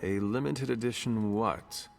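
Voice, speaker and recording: An actor playing a formal, stoic warrior hero in a game, speaking with measured, old-fashioned courtesy. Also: male voice, lowish voice, vocal fry, faint music behind. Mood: reserved. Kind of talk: game character dialogue.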